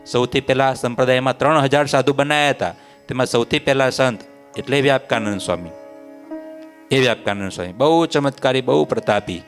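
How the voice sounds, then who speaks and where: A man's voice: medium pitch, fairly quick, soft background music. A man narrating a devotional story as a religious storyteller, repeating phrases in a sing-song way.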